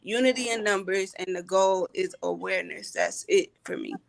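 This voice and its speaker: A woman on a panel speaking calmly and earnestly. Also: medium pitch, moderate pace, vocal fry, no room sound, poor audio. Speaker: panel guest. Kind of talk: casual panel chat.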